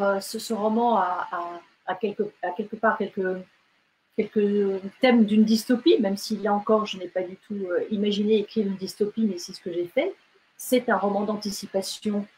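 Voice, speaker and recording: A woman's voice: medium pitch, a little mellow, slight background noise, poor audio. A woman novelist talking casually in an interview, hesitant, with many fillers and restarts. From France and Britain. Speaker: novelist guest.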